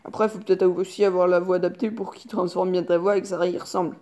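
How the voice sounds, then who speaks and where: A woman's voice: lowish voice, little pitch movement, fast talker, dark tone. A woman co-hosting in casual chat, commenting on clips. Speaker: co-host. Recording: noisy home-made recording with clicks.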